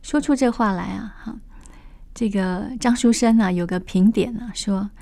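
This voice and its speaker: A woman's voice: medium pitch, normal speed, gravelly, mellow. A woman storyteller retelling a classic novel on radio, chatty, stopping to explain words with asides.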